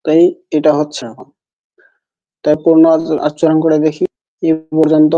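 A man's voice: a little high, completely flat delivery, moderate pace, warm tone. A man teaching the pronunciation of a sacred text. He repeats the syllables patiently for the learner to copy. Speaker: Vedic mantra pronunciation teacher. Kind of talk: pronunciation lesson. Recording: dull lo-fi recording.

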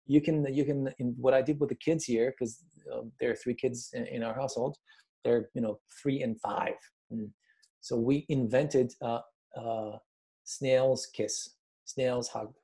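A man's voice: medium pitch, mellow. A middle-aged man leading a stress workshop in a casual, emphatic way, often repeating phrases for emphasis. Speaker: workshop presenter. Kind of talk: motivational workshop talk.

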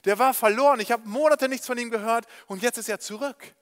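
A man's voice: very high-pitched, brisk, big-room sound, pitched above the performer's own voice. A man playing a jubilant rich father. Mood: overjoyed. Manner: excited commanding orders, loud. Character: elated wealthy father welcoming lost son.

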